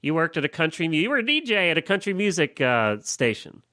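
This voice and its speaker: A man's voice: on the high side, big pitch swings, fast talker, pushed and bright, no room sound. A radio host chatting in a jovial way, laughing with his guests. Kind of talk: casual radio chat.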